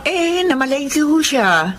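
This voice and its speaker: An actor playing a gentle, respectful older mother and grandmother in a radio drama, speaking politely to her husband. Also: sits high, very animated, takes it slowly, slight background noise, heavily acted. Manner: polite, deferential speech.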